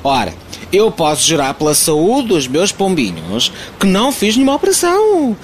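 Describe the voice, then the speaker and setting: High-pitched, pompous, blustering marquis played by a man. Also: wildly swooping pitch, moderate pace, slight background noise. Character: pompous, irritable old Portuguese marquis, self-important statesman. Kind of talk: radio comedy sketch.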